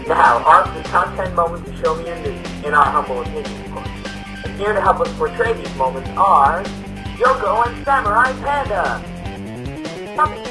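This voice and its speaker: A man's voice: a little high, lively intonation, moderate pace, low-quality recording. Upbeat young man hosting a countdown. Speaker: fan video host. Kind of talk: scripted countdown narration. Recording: narration over loud music.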